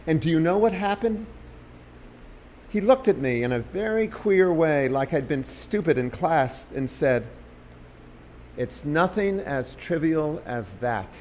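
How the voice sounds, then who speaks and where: A man's voice: on the high side, expressive, a little slow, darkish tone, slight background noise. A man reading the lines of an anxious, urgent young American man in an audiobook.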